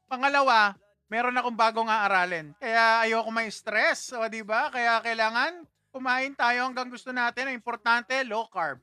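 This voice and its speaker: A man's voice: very high-pitched, moderate pace, sharp tone, clean tone, dry recording. A man hosting a casual livestream, chatting with viewers in a playful, teasing way and laughing often. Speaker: livestream host.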